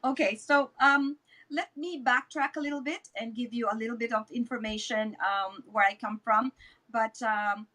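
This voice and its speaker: In an online interview, a middle-aged Filipino woman who leads a network marketing business shares her personal story, repeating words for emphasis. Her voice is on the high side, steady and sharp, at a normal speed, with a Filipino accent.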